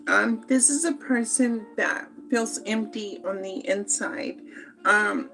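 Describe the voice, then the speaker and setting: A woman giving a slow, meandering spoken tarot reading, with many fillers and pauses. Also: mid-range voice, vocal fry, bright, forceful tone, low-quality recording. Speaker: tarot reader.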